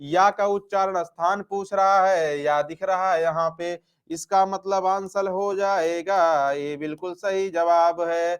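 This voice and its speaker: Taking it slowly with few pauses, this man teaches Hindi grammar in a high, clear, resonant voice with fairly even intonation. As he works through exam questions, he repeats answers, asks "क्या?" and responds himself, and uses fond nicknames for students.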